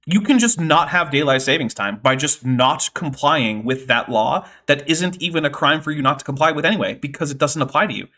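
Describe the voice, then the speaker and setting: A man's voice: a little high, lively intonation, brisk, few pauses, bright, forceful tone. A man giving casual, sardonic commentary while reacting to a debate clip on his stream, rambling with fillers.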